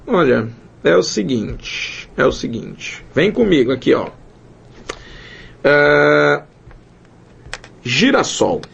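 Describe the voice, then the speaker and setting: Gravelly, husky Brazilian teacher. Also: male voice, a little high. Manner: lively, chatty, jokes with students. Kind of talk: online grammar lesson. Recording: dull lo-fi sound.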